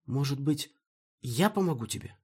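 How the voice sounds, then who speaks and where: A man's voice: mid-range voice, expressive, moderate pace, darkish tone, breathy edge, voice pushed up. A man reading an audiobook, voicing an anxious, pleading young woman in a dream with urgent, emotional delivery. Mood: eager. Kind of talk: audiobook character voice.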